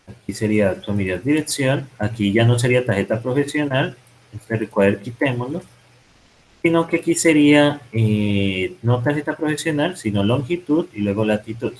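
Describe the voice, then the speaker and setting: A man's voice: mid-range voice, expressive, normal speed, a little mellow, slight background noise, poor audio. A man teaching programming, thinking aloud and correcting himself as he types code in a screen-recorded lesson. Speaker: programming instructor. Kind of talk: live-coding tutorial.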